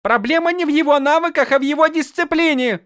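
A man's voice: very high-pitched, fast, a bit bright, dry recording, studio quality, pitched above the performer's own voice. A man voicing a petulant young male king who speaks in haughty, clipped commands, read as an audiobook character. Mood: cold.

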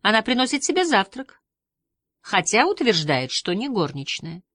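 A woman's voice: medium pitch, big pitch swings, normal speed, fairly bright tone, no room sound, clean studio sound, voice pushed up. A woman voicing a sarcastic, mocking woman. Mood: snide.

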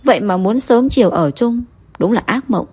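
A woman narrating a novel in a steady, even reading voice. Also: a little high, normal speed, slightly rough. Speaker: audiobook narrator.

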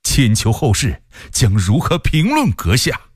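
A man's voice: medium pitch, huge pitch swings, a little slow, husky, dry recording, studio quality, pitched above the performer's own voice, full character voice. A man voicing an agitated court censor who pleads urgently and with passion. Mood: impassioned. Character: agitated court censor, a younger male friend.

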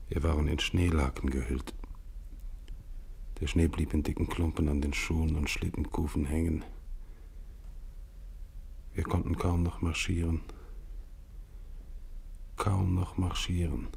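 Exhausted male polar captain, 1950s radio drama, slow, mournful recital, very low and gravelly. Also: a little mellow, exaggerated voice. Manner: solemn, slow, psalm-like recital. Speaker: expedition leader narrating. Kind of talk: 1950s radio play narration.

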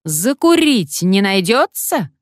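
A woman voicing a cheeky, pushy old male parrot with a hoarse, croaking, drawn-out voice, in an audiobook story. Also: mid-range voice, sing-song, dry recording, studio quality, pitched above the performer's own voice.

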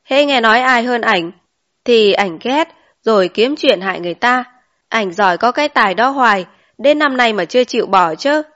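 A woman voicing a young man back from the city, a chauffeur, in an audiobook, relaxed and plain-spoken. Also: on the high side, moderate pace. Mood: boastful. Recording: dull lo-fi recording.

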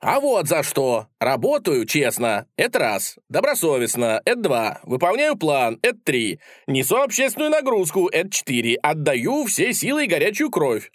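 A man playing a naive young man from a satirical tale. He talks earnestly and insistently, somewhat high. The sound is close and dry. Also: huge pitch swings, moderate pace, few pauses, fairly bright tone, no echo. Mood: indignant.

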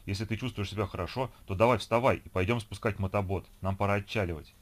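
Gruff-ish firm sea captain, blunt, deep low voice, man doing him. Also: fast talker, lightly acted. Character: middle-aged ship captain, firm and blunt.

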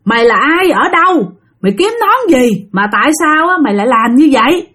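A woman's voice: high-pitched, sing-song, brisk, fairly bright tone, full character voice. A woman voicing a stern older male exorcist who barks commands. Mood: commanding. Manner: commanding, barking orders.

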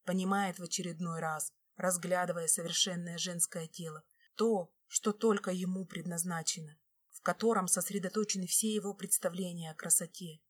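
A woman narrating a love story aloud in a steady, expressive manner. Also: lowish voice, moderate pace, breathy edge. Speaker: audiobook narrator. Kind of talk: scripted narration.

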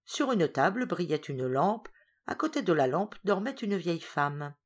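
Low-voiced woman reading a story aloud. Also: unhurried. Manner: expressive, varied storytelling. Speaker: audiobook reader. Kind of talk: literary audiobook narration.

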